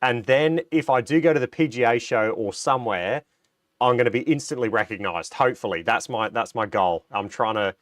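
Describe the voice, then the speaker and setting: A man's voice: medium pitch, brisk, no echo, clean studio sound. Nasal Australian man with a cold. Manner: chatty, reads out viewer comments, frequent ums and restarts. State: recovering from a cold, a bit nasal. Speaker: livestream host. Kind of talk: casual livestream chat.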